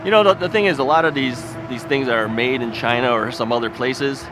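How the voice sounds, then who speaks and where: An American man hosts an ebike video, vlogging casually as he rides down a city street. He rambles folksily, using lots of filler words and chuckling often, in a brisk mid-range voice. The outdoor recording picks up traffic and street noise.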